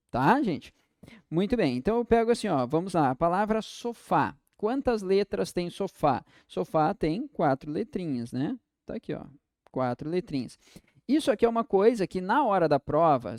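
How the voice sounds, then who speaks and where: Young Brazilian man teaching an exam-prep lesson, animated, drawn-out example words, fairly high pitch. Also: no echo, studio quality. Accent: Brazilian Portuguese.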